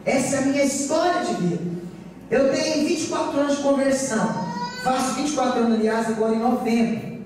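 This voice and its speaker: A high-voiced woman from Goiás, Brazil, with an accent from that region, preaches a sermon that includes personal testimony during a live church service. She speaks fairly quickly with a darkish tone, using emphatic, repetitive oratory and rhetorical questions for the congregation. The audio is echoey, taken from a distant mic in the church hall, with faint noise.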